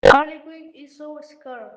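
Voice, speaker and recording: A woman narrating a children's storybook in simple, clear, deliberate sentences. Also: high-pitched. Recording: echoey muffled room.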